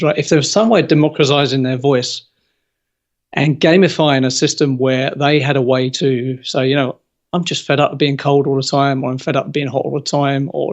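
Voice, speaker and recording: A man talking as a guest in a casual interview, lively and opinionated, full of colorful comparisons. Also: mid-range voice, muffled recording.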